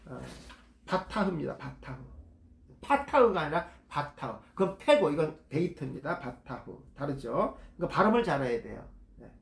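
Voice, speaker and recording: A man's voice: on the high side, lively intonation, fairly quick, vocal fry, roomy sound. A man leading a Bible study lecture, reading passages aloud and explaining words, often repeating key terms. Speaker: Bible teacher.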